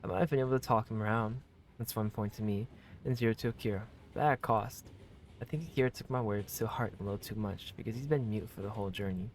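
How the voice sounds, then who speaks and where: The audio is poor, with slight background noise, as a man with a lowish voice talks fast. He's a let's player reading a visual novel out loud and reacting casually, full of slang, gushing comments and cursing.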